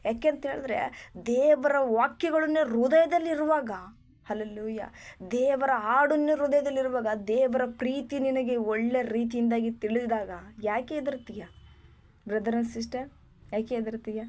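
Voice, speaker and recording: A woman with a high, bright-pitched voice delivers an earnest sermon. She punctuates nearly every thought with hallelujah and calls her listeners beloved. She presses them with repeated rhetorical questions. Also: steady tone, unhurried. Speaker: preacher.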